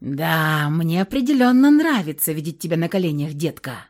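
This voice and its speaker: A woman reads a cruel, scheming grown man in an audiobook. He snarls abuse and sneers coldly, in a mid-pitched voice. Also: animated, normal speed, natural voice. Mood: menacing. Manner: shouting insults, then sneering and cold. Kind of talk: audiobook character reading.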